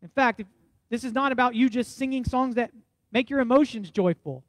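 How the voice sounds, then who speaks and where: A male pastor preaching a sermon, rising loud for emphasis and dropping soft and hushed for stories. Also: very high-pitched, a little fast, no echo, poor audio.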